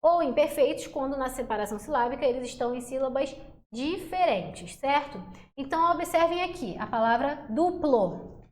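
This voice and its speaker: A woman teaching a Portuguese phonetics lesson for exam prep in a casual, chatty way, slowing down to sound out syllables. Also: high voice, expressive. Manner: casual, chatty, addresses class as galera and gente. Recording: roomy echo.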